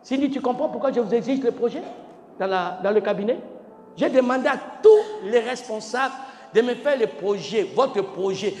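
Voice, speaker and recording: A man preaching a sermon as pastor, emphatic and swinging between shouted lines and near-quiet ones, asking the congregation questions and spelling out words. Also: extremely high pitch, lively intonation, normal speed. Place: large church hall. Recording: echoey church hall with faint music.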